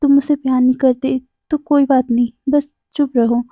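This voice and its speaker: A woman with a high, level voice reads a storybook at normal speed, voicing an anxious young man who pleads and apologizes, often stammering. The mood is pleading. The recording is dry and tinny, like a phone, with no room sound.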